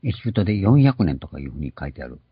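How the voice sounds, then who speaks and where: A man's voice: sits low, very animated, rapid-fire, breathy edge, dry recording. An older man preaching an earnest sermon, explaining and stressing key words. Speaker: pastor. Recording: dull lo-fi recording.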